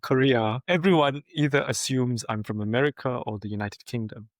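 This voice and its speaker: A South African man speaks as an interview guest, recounting stories with animated energy and frequent laughter. His voice sits at an ordinary middle pitch. The sound is close and dry, with no room around it. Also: brisk, dry recording. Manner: animated storyteller, laughs often while telling anecdotes. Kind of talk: casual interview storytelling.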